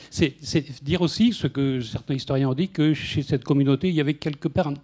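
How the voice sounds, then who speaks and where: A man with a mellow, slightly husky voice moderates a public talk in a university lecture room. He speaks into a handheld mic, laying out long explanations with a few stutter-starts. He is in his fifties. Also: mid-range voice.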